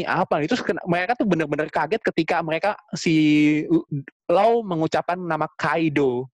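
A man's voice: on the high side, no room sound. Chatty man with a dry close sound. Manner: slangy, animated storytelling with quoted asides. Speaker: podcast co-host. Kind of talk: casual chat.

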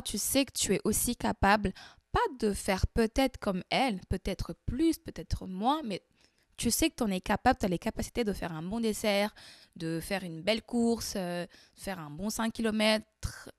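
A young woman with a Portuguese accent, a content creator talking straight to her viewers in a casual advice monologue, animated and acting out little dialogues. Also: medium pitch, dry recording, studio quality.

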